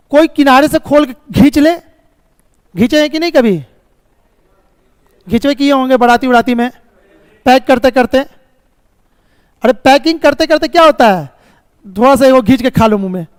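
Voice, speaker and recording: Man, very high voice, teacher, live class lecture, dry close sound with a long reverb tail. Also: clear, resonant tone. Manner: explains step by step with frequent check questions; scolding students over the course. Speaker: reasoning teacher.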